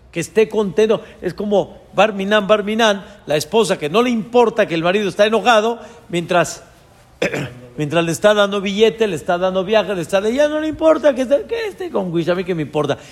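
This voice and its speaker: A rabbi preaches a scripture lesson in a fairly high voice, teaching earnestly and weaving Hebrew terms into his explanations. A long, ringing reverb trails his voice.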